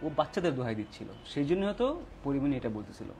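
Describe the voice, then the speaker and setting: A talk show host asking quick, probing follow-up questions in a casual interview. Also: mid-range voice, very animated, darkish tone, a little hiss or hum.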